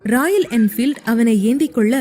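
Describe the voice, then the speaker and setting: A woman narrating an audio story in an even, steady reading voice. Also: a little high, normal speed. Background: faint music.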